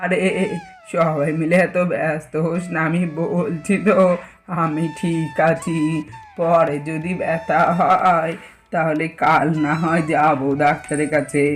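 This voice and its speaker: A man voicing a stubborn, kindly old village grandmother in a doll cartoon, speaking in a slow, drawn-out, fussing way. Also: on the high side, level tone, faint music behind, natural voice. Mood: pained.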